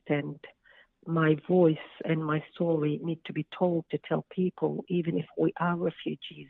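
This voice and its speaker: A deep-voiced Lebanese woman, an author, is interviewed by phone from her home over a tinny, dry line with no echo. She speaks earnestly, with hesitant fillers.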